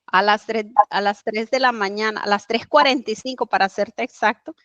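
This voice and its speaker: A woman guest telling a personal story in conversation, earnest and halting, with frequent fillers. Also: mid-range voice, fairly even intonation, fairly bright tone, no room sound, muffled recording. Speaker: interview guest.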